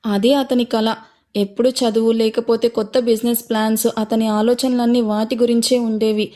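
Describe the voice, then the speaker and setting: Brief: woman narrator for audio drama, mellow, somewhat high voice. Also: flat delivery, moderate pace. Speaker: storyteller. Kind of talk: scripted audio story narration.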